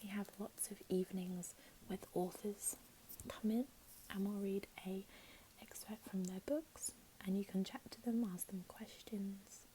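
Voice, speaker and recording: A woman playing a helpful, chatty librarian in a whispered role-play, speaking in a gentle, unhurried library whisper. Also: mid-range voice, steady tone, slight background noise, close to an everyday voice, low-quality recording. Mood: friendly, attentive. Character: helpful, chatty female librarian signing up a patron.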